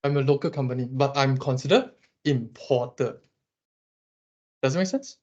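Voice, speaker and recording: A Malaysian man lecturing his class on economics, animated and teasing as he quizzes students. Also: medium pitch, normal speed, lo-fi sound. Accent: Malaysian English.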